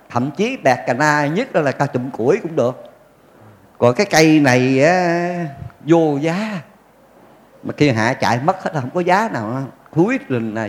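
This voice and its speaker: A male Buddhist monk giving a folksy dharma talk, telling stories with jokes and acted quotes. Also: medium pitch. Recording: long hall reverb.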